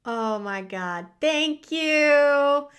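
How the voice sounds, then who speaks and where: A woman hosting a tarot livestream, chatting casually with viewers, excitable and giggly, on a computer mic. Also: sits high, very slow. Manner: excitable and giggly, with bursts of enthusiasm. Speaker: host of a tarot livestream show. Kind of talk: casual chat with live viewers.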